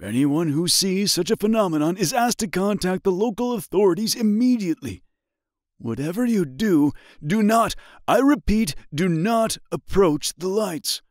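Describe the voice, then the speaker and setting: A man's voice: sits high, animated, moderate pace, darkish tone, no room sound, clean studio sound, voice pushed up. A man voicing an urgent male radio news announcer reading a formal bulletin. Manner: formal, clipped bulletin delivery.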